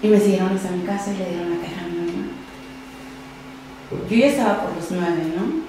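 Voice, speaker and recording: A young adult woman, a podcast guest telling her own story in an interview, speaking softly and often trailing off quietly. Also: on the low side, fairly quick, background noise. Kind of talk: personal testimony in an interview. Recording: very echoey room.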